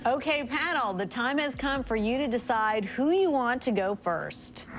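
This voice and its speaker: A woman hosting a game show, reading rules and turning to the panel in a brisk, directing way. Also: a little high, lively intonation, very noisy.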